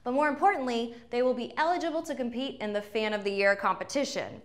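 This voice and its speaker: A woman's voice: a little high, quick pace. A young adult woman hosting a fan trivia game show with upbeat enthusiasm. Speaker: host.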